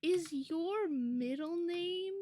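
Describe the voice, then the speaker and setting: A woman streamer chatting casually with her viewers while she draws, excitable, swearing often and laughing a lot. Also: very high voice, very slow. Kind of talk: casual livestream chat while drawing.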